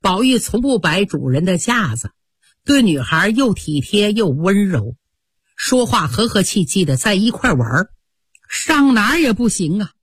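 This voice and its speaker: A woman telling a classic story on the radio, with animated, dramatic narration. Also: medium pitch, unhurried, husky, no echo, studio quality.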